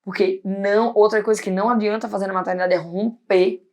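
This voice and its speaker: A woman in her thirties, a pediatrician guest on an interview show, talking loudly and animatedly in casual chat. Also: mid-range voice. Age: 30s. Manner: loud, animated, talks fast and laughs easily.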